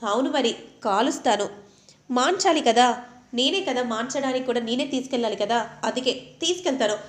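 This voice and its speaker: A woman's voice: fairly high pitch, a little fast, lightly acted. A woman voicing a young husband who acts caring but bullies his wife, reading his lines inside her storytelling, in an echoey room. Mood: menacing. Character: young husband, controlling and cruel, feigns care.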